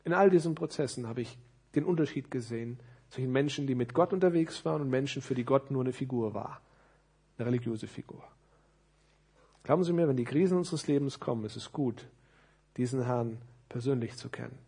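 A man preaching a sermon, animated, who asks his listeners rhetorical questions. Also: medium pitch, brisk, breathy edge.

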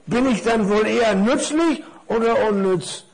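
A man voicing a thick, slow-witted gift-wrapped scarf in a children's story, puzzled and rambling. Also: high-pitched, vocal fry, slightly rough, voice pushed up, heavily acted. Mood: curious.

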